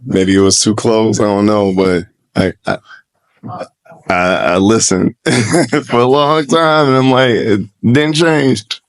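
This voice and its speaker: A man contestant on a dating show who talks very slowly. He hesitates and chuckles between his words. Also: lowish voice, steady tone. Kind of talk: casual chat.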